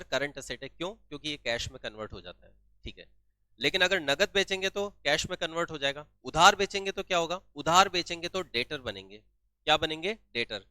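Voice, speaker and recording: Man, accounting teacher, bright forceful voice, dry close sound, quizzes then answers himself. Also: a little high, no room sound. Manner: asks questions and answers them himself, repeats key terms. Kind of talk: classroom-style lesson.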